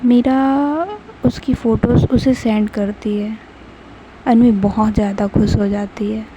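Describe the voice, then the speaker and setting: A woman calmly narrating an audio story. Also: a little high, measured pace, heavy background noise.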